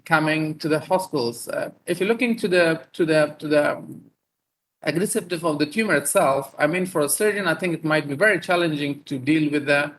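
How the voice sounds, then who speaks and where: Halting Afghan-born male surgeon, fairly high voice. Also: fairly bright tone, low-quality recording. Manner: halting, many fillers and repeated words. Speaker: neurosurgeon and professor presenting. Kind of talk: conference talk over video call.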